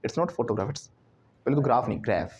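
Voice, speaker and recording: A male teacher runs a bilingual English class at an ordinary, mid-range pitch. He coaxes a student to repeat after him, checking in often. He drills tricky words by saying them slowly over and over. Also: sing-song, crowd noise. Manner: prompts the student to repeat, with frequent "right?" checks.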